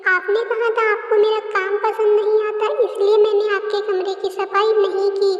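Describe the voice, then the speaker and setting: A woman's voice: very high-pitched, level tone, normal speed, roomy sound, long reverb tail, far from the mic, dull audio. A woman voicing a sweet, dutiful young village daughter-in-law in a cartoon, humble and eager.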